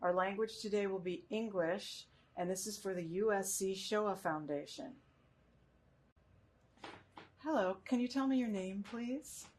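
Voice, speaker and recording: Woman interviewer, measured and formal, oral-history questions. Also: medium pitch, darkish tone.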